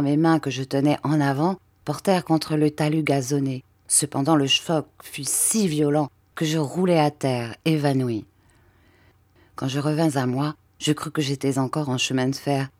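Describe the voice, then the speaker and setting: Woman, audiobook narrator, measured, steady, deep voice, dry close recording. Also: dry recording. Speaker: audiobook reader.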